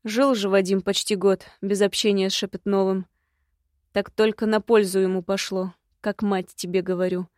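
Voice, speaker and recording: A woman's voice: medium pitch, little pitch movement, normal speed, a little mellow, no echo, clean studio sound, close to an everyday voice. A woman voicing a stern, commanding older woman who speaks firmly and decisively, read in an audiobook. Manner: firm, decisive.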